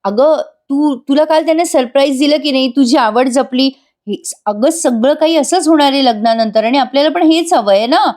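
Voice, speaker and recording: A woman's voice: high voice, normal speed, darkish tone, pitched above the performer's own voice, natural voice. Woman voicing a coaxing sister-in-law. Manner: coaxing, reassuring. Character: gentle reassuring young sister-in-law.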